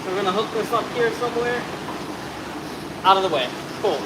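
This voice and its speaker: With a high pitch, lively intonation, and a slightly fast delivery, a thirty-something mechanic talks over very loud surroundings. He rambles casually through a brake job in an auto shop, truck raised on the hoist, and swears every so often.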